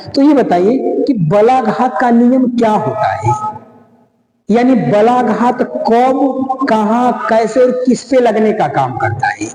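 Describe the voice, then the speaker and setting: A man teaching a grammar lesson, explaining slowly and repeating phrases as he goes. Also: high voice, warm tone. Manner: repetitive, drawn-out explanation. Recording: echoey room with long reverb.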